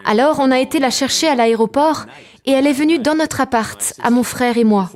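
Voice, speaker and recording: A woman giving a calm, measured personal testimony as a translated voice-over. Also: high voice. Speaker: testimony narrator.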